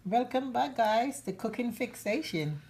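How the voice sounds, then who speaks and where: A woman's voice: fairly high pitch, unhurried. A woman hosting a home cooking show, talking casually through each step, her voice a little sick. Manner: relaxed, chatty, with fillers. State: slightly sick voice. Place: home kitchen. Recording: clattering kitchen noise behind. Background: pots, dishes and cutlery.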